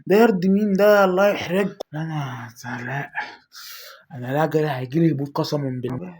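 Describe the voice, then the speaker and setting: A man with an Egyptian Arabic accent giving excited pack-opening commentary for his gaming channel, anxious and pleading, swinging between groans and shouts. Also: fairly high pitch, fast talker. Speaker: gaming YouTuber.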